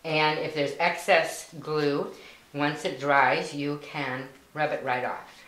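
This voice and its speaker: A woman with a low, deep-set voice walks through a craft project step by step, patient and plain. The sound is roomy and echoey, with a faint hiss and some clicking underneath. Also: steady tone, slow, a bit bright. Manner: patient, plain instructions with fillers. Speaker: volunteer instructor. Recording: echoey room with faint noise.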